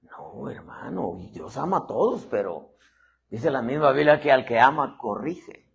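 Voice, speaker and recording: A man's voice: medium pitch, unhurried, creaky, slightly rough. A man preaching a sermon. He acts out voices and keeps calling the listeners "hermano". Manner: animated preacher acting out voices, constantly saying "hermano". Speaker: apostle preaching.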